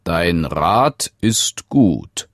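Old storybook king, coaxing and questioning, lively deep voice, read by a man. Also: extremely slow, dry recording, studio quality, full character voice. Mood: commanding. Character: old king, kindly but suspicious.

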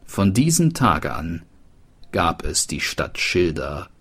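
Slow, low-voiced male storyteller. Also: slightly rough. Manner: slow, expressive read-aloud narration. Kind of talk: storybook reading aloud.

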